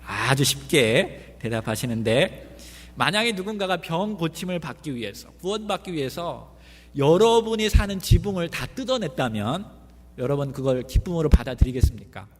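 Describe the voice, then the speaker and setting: A man's voice: fairly high pitch, very animated, normal speed. A male pastor preaching a sermon, often asking the congregation questions. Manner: asks the congregation many questions. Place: church sanctuary. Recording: long reverb of a church hall.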